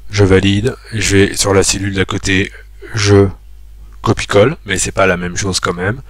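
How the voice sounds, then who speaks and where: Walking viewers through a spreadsheet step by step, this man narrates a screen recording as he thinks out loud, pausing often and using many fillers. He speaks in a low register, with no echo.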